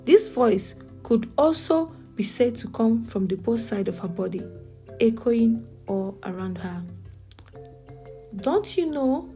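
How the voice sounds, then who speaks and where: A woman's voice: on the high side, dark tone. Nigerian woman narrating a dramatic folktale. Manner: dramatic, measured storytelling. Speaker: storyteller. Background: faint music.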